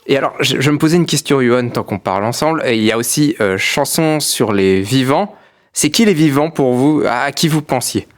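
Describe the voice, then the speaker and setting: A man hosts a radio interview in a mid-pitched, conversational voice. He asks friendly questions at an easy pace. Faint music plays underneath. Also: animated, fairly quick. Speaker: radio host.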